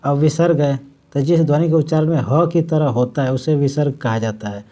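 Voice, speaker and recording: In this exam-prep lesson on Hindi grammar, the teacher works through each point in steps, rephrases it in simpler words, and stretches out the example words slowly. He has a warm, mellow voice that's fairly high for a man, and his tone stays steady.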